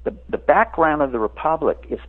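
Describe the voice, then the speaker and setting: A man's voice: a little high, expressive, a little fast. A man in his seventies who grew up in France, a radio interview guest lecturing in an emphatic way. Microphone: phone. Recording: tinny phone line.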